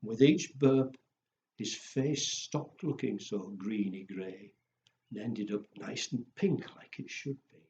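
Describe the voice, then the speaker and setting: Speaking slowly in a slightly mellow voice on the low side, a man entertains young children with playful, simply worded stories and rhymes full of acted woofs and exclamations. The recording has room echo, a dull sound and faint noise.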